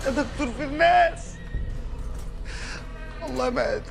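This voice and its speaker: A man's voice: very high-pitched, a little fast, vocal fry. A panicky Egyptian young man. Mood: scared. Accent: Egyptian Arabic. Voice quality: panicky and confused. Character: frightened bewildered young man. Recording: music under the dialogue.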